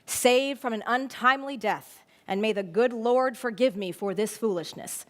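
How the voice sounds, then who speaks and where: A woman reading aloud and voicing a calm, kindly farmer father in a measured, gentle way. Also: a little high, lightly acted.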